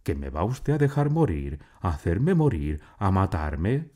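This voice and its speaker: A young male character in a storybook reading, standing up to the author who made him, his voice pushed high and strained. A man acts him out, lifting well above his own deep, dark register. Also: very animated, unhurried, exaggerated voice. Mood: alarmed. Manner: pleading, defiant, ironic. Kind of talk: audiobook reading.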